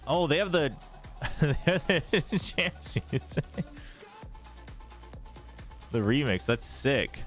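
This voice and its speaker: With faint music in the background, an esports watch party host and analyst from the United States chats informally on a casual livestream. His East Coast voice is a little high, animated and fairly bright, moving at a slow pace with frequent pauses.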